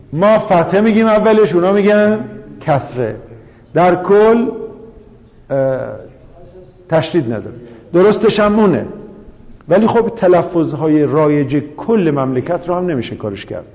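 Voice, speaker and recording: A man's voice: high voice, expressive, pauses often, darkish tone. A man with a Yazdi Persian accent teaching a class about spelling and pronunciation, who explains step by step and asks the students questions before answering them. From Yazd, Iran. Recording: dull recording with long room reverb.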